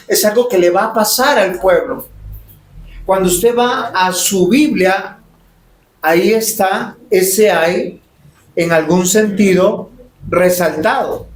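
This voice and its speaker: A man's voice: sits high, a little hiss or hum. A man preaching a sermon as pastor, emphatic and full of rhetorical questions. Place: church sanctuary. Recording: roomy church echo.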